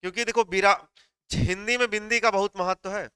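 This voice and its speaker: Bright high-voiced man teaching. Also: fairly even intonation, fairly quick, clean tone, no echo, clean studio sound. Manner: explains step by step, asks students questions; dictates notes word by word. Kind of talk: live online class.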